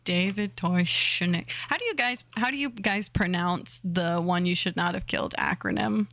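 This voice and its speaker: Chatty gravelly-voiced woman streaming a game. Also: mid-range voice, expressive, normal speed, fairly bright tone, dry recording. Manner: chatty, giggly, talks to chat. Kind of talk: casual live gameplay commentary.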